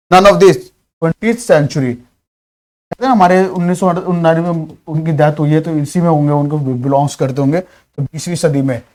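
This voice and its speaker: High-voiced Bihari teacher, drilling quiz questions. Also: male voice. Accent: Bihari Hindi. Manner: reads questions slowly, explains in fast chatty Hindi. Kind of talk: exam-prep lesson.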